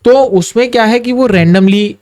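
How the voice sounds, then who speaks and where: An orthopedic surgeon speaks in a measured, advising way, with a voice set a little high for a man. He drops into his explanations as an interview guest. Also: a little mellow. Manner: measured, advising, mixes English phrases.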